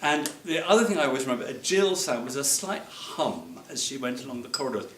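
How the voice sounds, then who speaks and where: A man tells affectionate, wry stories at a memorial gathering, his pitch rising and falling in lively swings. He laughs through his anecdotes and wanders off on asides. The voice carries around an echoey room over a clear hum of background noise. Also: quick pace. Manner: wry, laughing, digressive storytelling. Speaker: speaker at a memorial reception. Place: museum reception room.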